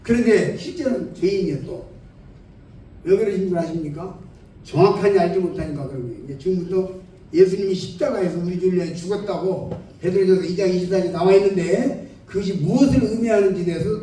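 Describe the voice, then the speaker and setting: A man's voice: high-pitched, quick pace, mellow. A man preaching an evangelistic sermon in a plain-spoken way, often putting questions to his listeners. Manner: plain-spoken, keeps asking the audience questions. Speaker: lay preacher. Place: church hall. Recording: very echoey hall, distant mic, faint noise.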